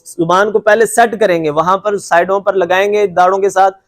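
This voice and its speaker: Man, high-pitched voice, recitation teacher, patient and repetitive, drawn-out demonstration sounds, reassuring. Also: fairly even intonation. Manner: repeats points patiently, stretching letter sounds to demonstrate them; reassuring and encouraging. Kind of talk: classroom lecture with slides.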